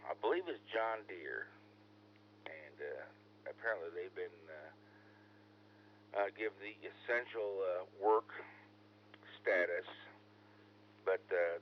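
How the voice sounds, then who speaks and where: A man's voice: deep voice, lo-fi sound. A man chatting in a ham radio net from his basement office, easygoing and hesitant with many fillers, heard as a radio transmission with static. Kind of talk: casual radio chat.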